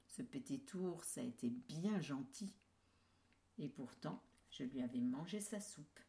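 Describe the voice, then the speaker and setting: A woman voicing a little girl's quiet inner thought in a storybook, soft and low. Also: animated, a little slow, exaggerated voice. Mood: rueful. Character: little girl Goldilocks, thoughtful, contrite.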